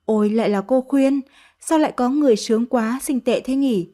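A woman's voice: fairly high pitch, fairly quick, mellow, close to an everyday voice. A woman voicing a fawning teenage servant girl who sweet-talks in a coaxing, sugary way.

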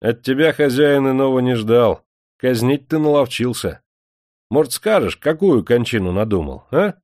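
A man's voice: low voice, animated, normal speed, warm tone, no room sound, studio quality. A man voicing a defiant young prisoner in chains who mocks his captor in a cheeky tone. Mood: mocking. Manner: cheeky, mocking.

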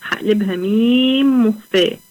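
A young woman with an Egyptian accent teaching a Quran recitation lesson online. She talks patiently, asks questions and answers them herself, and draws out the example words slowly. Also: a little high, a little mellow, poor audio. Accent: Egyptian Arabic.

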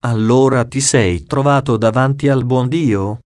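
A man's voice: mid-range voice, measured pace, darkish tone, no room sound, studio quality, lightly acted. A man voicing a pious noblewoman who earnestly and persistently questions a spirit.

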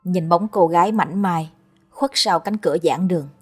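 Woman storyteller for a horror tale, low-set voice, faint music under it. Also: normal speed, breathy edge. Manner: steady, dramatic storytelling. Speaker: narrator.

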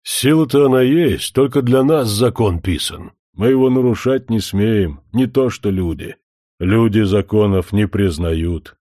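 A man voicing a young male forest spirit who speaks slowly and solemnly, a little louder than his narration. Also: lowish voice, no room sound, studio quality, pitched above the performer's own voice, lightly acted. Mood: earnest. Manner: slow, deliberate, solemn.

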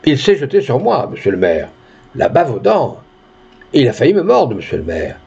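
A man's voice: mid-range voice, huge pitch swings, moderate pace, creaky, a little mellow, husky, highs cut off, full character voice. A man voicing a cowardly, pompous small-town notary who shrieks in panic and lectures with solemn threats. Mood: indignant.

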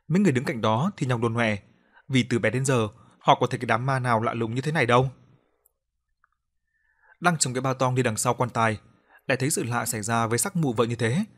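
A male storyteller narrates an audiobook in a plain, colloquial manner. His voice sits at an ordinary middle male pitch. He often interrupts the tale with scornful, cursing comments about the characters.

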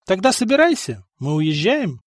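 A male audiobook narrator voicing a calm, earnest young Slavic man searching for his lost brother. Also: high-pitched, moderate pace, no echo, studio quality, voice pushed up. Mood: insistent.

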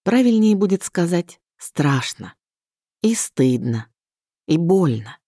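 Low-voiced woman reading a novel. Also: moderate pace, no echo, studio quality. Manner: expressive storytelling, mixing plain telling with inner voice. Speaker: audiobook reader. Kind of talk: scripted literary narration.

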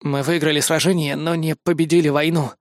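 A man voicing a calm, steady male soldier who speaks quietly and firmly in a storybook reading. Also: high voice, brisk, no room sound, clean studio sound, natural voice. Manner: firm, quiet.

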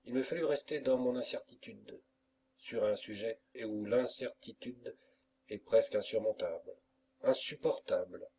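A man's voice: lowish voice, normal speed, warm tone, breathy edge. A man voicing an anguished young lover who pleads earnestly, in an audiobook. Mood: pleading.

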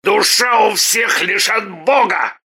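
Woman putting on a haughty gruff baron mage. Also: slow pace, bright, forceful tone. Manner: gruff, arrogant, lowered voice. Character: haughty ancient male baron mage Dirk.

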